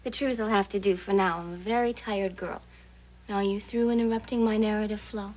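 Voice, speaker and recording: Actress as young stage actress, playful storyteller, soap drama. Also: female voice, mid-range voice, fairly even intonation, a little fast, a little mellow, close to an everyday voice, low-quality recording. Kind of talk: 1980s daytime soap acting.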